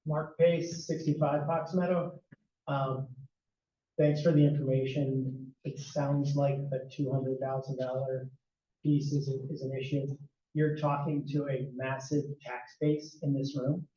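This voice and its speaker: A man with a mellow voice speaks politely and directly to the board during public comment. The hall around him is echoey, and the sound is dull. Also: medium pitch, level tone, unhurried. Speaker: resident speaking at a public hearing. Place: echoey town meeting hall.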